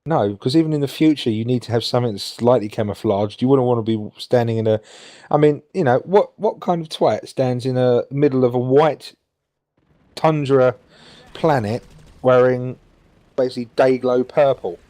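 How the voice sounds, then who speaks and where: A man's voice: medium pitch, moderate pace, mellow, no room sound. A British man co-hosting a gaming show, chatting casually in a rambling, teasing way. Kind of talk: casual banter over gameplay.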